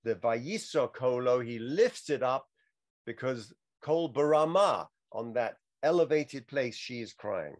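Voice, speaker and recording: A man's voice: medium pitch, lively intonation, a little slow. A man giving a reflective lecture on religious texts, weaving in quotes from literature and film. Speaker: teacher.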